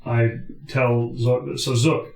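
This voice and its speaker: A man's voice: medium pitch, little pitch movement, takes it slowly, creaky, roomy sound, low-quality recording. A man playing a tabletop game, describing his character's actions with hesitant restarts. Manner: hesitant, stammering. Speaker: player. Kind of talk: tabletop role-play.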